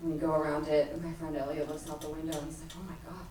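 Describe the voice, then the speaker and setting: A woman's voice: deep voice, monotone, rapid-fire, dark tone, slight background noise. Rambling woman telling a stage story. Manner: rambling, heavy use of "like". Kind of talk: live comic storytelling. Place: performance stage. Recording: echoey room, far from mic.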